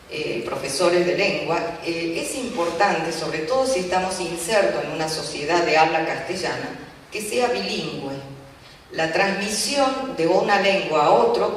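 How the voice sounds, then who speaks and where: A Japanese language teacher, explaining at a community event and pausing often with filler sounds. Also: medium pitch. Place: large event hall. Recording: echoey hall from far off, faint noise.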